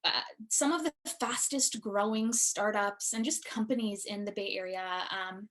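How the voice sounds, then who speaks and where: A woman's voice: medium pitch, normal speed. A woman immigration attorney presenting a webinar in an earnest, friendly way, with frequent "um" fillers. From born in Iraq, raised in the United States.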